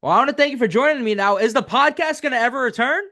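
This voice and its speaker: A male podcast host with a high, bright voice conducts a casual interview. He speaks quickly and informally, with an appreciative manner toward his guest.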